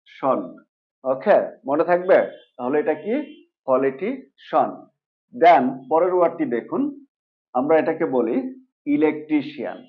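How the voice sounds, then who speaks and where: A man with a Bangladeshi Bengali accent talks through a pronunciation lesson. He asks a question, then answers it, and says each word slowly. His fairly high voice comes through a narrow, tinny, phone-like recording. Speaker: English pronunciation teacher. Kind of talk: video lesson explaining rules.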